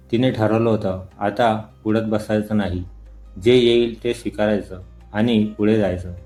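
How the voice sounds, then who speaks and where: A man narrating a heartfelt audio story in a calm, steady reading voice. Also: on the low side. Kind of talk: scripted narration. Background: soft music.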